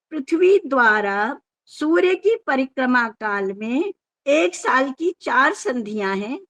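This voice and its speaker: Slow, high-voiced woman lecturer. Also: a bit bright. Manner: measured, explanatory, with restarts. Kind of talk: formal lecture on scripture.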